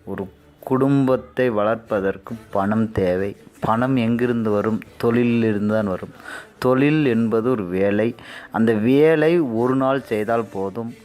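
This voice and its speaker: A man's voice: lowish voice, takes it slowly, a little mellow. A man giving formal political oratory to the public, declaiming phrase by phrase. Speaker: political speaker.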